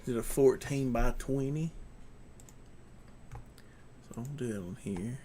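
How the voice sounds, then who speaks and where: A man's voice: mid-range voice, unhurried, dark tone, slight background noise. A man chatting casually and thinking aloud as he works, muttering to himself in a folksy, colloquial way. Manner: folksy, colloquial grammar with ain't. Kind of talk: casual chat while working at a computer.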